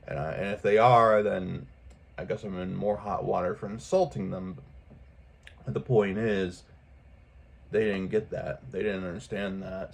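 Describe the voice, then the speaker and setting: This vlogger's lowish voice is dark and slightly rough, with vocal fry. Unscripted and casual, he gives his viewers a pep talk, rambling earnestly and repeating things for emphasis.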